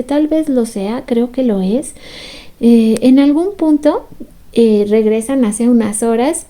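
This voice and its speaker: A woman's voice: a little high, dark tone. A woman, casually recapping a show in a chatty, sympathetic way. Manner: chatty, sympathetic, often laughing. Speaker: fan recap commentator.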